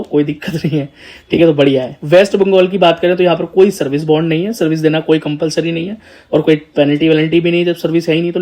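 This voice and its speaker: A man talks students through the details in a loose, chatty way. His voice sits a little high for a man. He keeps the tone informal, addressing his listeners as brother or child. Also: darkish tone. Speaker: educator, channel host. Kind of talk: casual explanatory talk to students.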